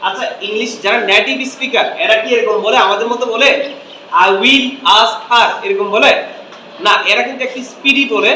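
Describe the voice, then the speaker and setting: A man teaches a lesson in a high, bright voice, posing questions to his students and answering them himself. He is recorded from a distance in an echoey room with a faint hum behind him. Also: steady tone, fast talker. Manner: switches between Bengali and English. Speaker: English teacher. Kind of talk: classroom lecture.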